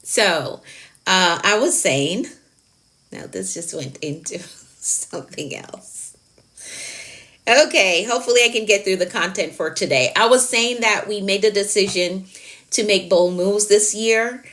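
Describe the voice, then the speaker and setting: On a live stream, a woman productivity coach speaks with a medium-pitched, expressive, somewhat bright voice, keeping a measured pace. Her manner is encouraging and motivational; she stresses and repeats key phrases while responding to viewer comments.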